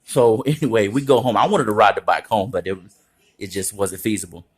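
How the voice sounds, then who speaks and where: A man casually telling profane, animated stories, often jumping into other voices. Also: brisk, slightly rough. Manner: animated, profane, acts out voices with big pitch jumps. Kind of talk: casual storytelling.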